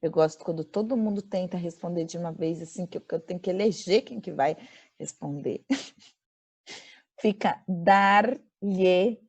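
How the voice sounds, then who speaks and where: A woman's voice: fairly low pitch, creaky, warm tone, husky. Brazilian woman teaching grammar over video call. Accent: Brazilian Portuguese. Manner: slows to dictate examples, quizzes the class. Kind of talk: online grammar lecture.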